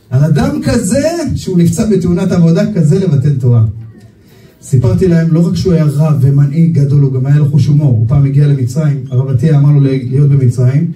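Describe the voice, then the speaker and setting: A man, a rabbi, telling stories in a sermon, animated and acting out the people he quotes. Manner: animated storytelling, acting out quoted voices with sharp pitch swings. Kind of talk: storytelling sermon. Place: memorial gathering hall. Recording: echoey hall, voice from far off, faint background noise.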